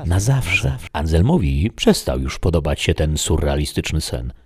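Very deep, husky male narrator, steady dramatic horror storytelling. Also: normal speed, no echo, studio quality.

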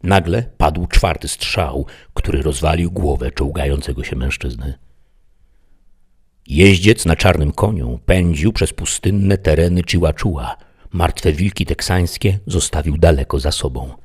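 A man narrating a dramatic audiobook story with an expressive, tense delivery. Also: rumbling low, measured pace, husky.

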